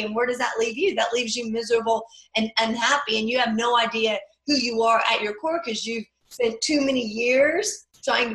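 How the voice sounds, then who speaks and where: A woman podcast host who speaks emphatically and with passion. Her voice is fairly high with a gravelly fry, and it echoes in the room. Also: a bit bright. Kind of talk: casual podcast conversation.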